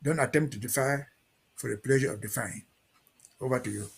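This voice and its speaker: A man's voice: mid-range voice, a little fast, vocal fry, husky. A man speaking as a barrister guest in an interview, giving an emphatic, cautionary statement.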